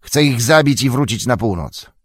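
A man voicing an angry, vengeful male orc who speaks defiantly and shouts in an audiobook reading. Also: medium pitch, expressive, moderate pace, slightly rough, no echo, clean studio sound, voice pushed up. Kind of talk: audiobook character voice.

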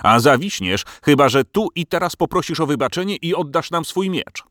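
A man's voice: mid-range voice, sing-song, brisk, a bit bright, no echo, clean studio sound. A man voicing a wrathful, pompous king who speaks of himself as "we" in a storybook reading. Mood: furious. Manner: haughty, uses royal we.

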